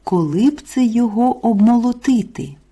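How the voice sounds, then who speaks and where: A woman's voice: fairly high pitch, animated, moderate pace, mellow, slightly rough, pitched above the performer's own voice. A woman voicing two lazy, playful little mice in a storybook tale, chirpy and carefree. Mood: eager.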